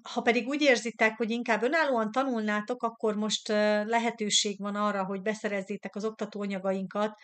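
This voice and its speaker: In a live online English lesson, a Hungarian woman speaks with a medium pitch and a steady, fairly bright tone. Each English word is said slowly twice before she gives its Hungarian meaning, and she keeps up a chatty, encouraging rapport with viewers.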